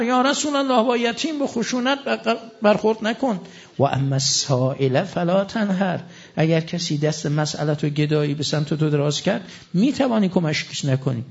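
A man's voice: high-pitched, gravelly. A middle-aged man preaching a sermon with mounting passion and weighty recitation. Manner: impassioned, rising to fervent emphasis, recites scripture in Arabic. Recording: dull lo-fi recording.

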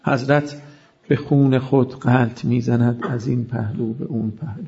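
A man preaching an impassioned mourning sermon, his voice swinging between loud cries and hushed lines. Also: mid-range voice, fairly even intonation. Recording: dull lo-fi recording.

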